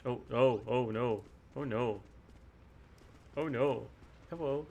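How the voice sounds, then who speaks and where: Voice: mid-range voice, slow pace, dark tone, lo-fi sound. A gaming streamer giving casual, off-the-cuff commentary while playing.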